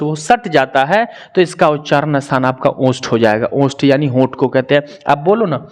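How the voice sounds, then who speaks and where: Man teaching syllables, slightly high voice. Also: darkish tone. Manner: drills sounds slowly, repeating syllables; asks viewers to comment and answer. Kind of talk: Hindi grammar lesson.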